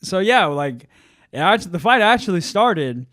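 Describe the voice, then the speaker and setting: Podcast co-host, man in his thirties, a bit high-pitched, dead-dry mic, rambling storyteller. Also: big pitch swings, a little slow, a bit bright, no echo. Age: 30s. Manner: rambling anecdote with acted-out quotes. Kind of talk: casual storytelling chat.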